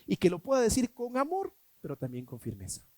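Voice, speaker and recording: A man preaching a sermon as pastor, emphatic, swinging between loud and hushed, asking rhetorical questions. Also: high-pitched, wildly swooping pitch, a little fast. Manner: acts out quoted voices in a mocking tone.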